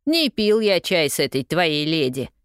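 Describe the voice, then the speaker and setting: A woman's voice: low voice, sing-song, measured pace, smooth, dry recording, clean studio sound. A woman voicing a cocky young street newsboy who talks in a slangy, scoffing, drawling way.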